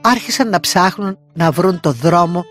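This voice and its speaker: A woman's voice: fairly low pitch, animated. A woman narrating a bedtime story expressively, voicing the characters' lines. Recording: dry close recording with soft guitar music.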